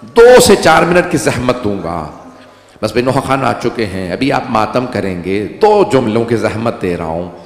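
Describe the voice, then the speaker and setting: A man's voice: medium pitch, very animated, a little slow. A male cleric delivering a mourning sermon, lamenting, with his voice climbing into wailing cries. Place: large gathering hall. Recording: echoey hall with long reverb.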